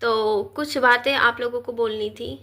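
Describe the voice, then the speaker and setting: A woman in her thirties, feeling unwell, talking slowly and quietly to her viewers in a personal vlog, recorded on a phone. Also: fairly high pitch, fairly even intonation. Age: 30s. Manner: slow, subdued, tired delivery. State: unwell and weak. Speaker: vlogger. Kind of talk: personal talk to camera.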